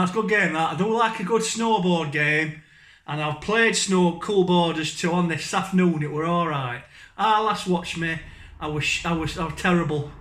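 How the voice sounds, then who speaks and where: Northern English bloke, gaming YouTuber, blunt and self-mocking, high voice, ranting in a roomy space. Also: male voice, a bit bright. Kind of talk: rambling comic rant to camera.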